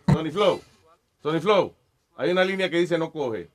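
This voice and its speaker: A man's voice: on the high side, lively intonation, normal speed. A man hosting a radio talk show, joking and switching between Spanish and English. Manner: mixes Spanish and English, jokey. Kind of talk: casual radio banter.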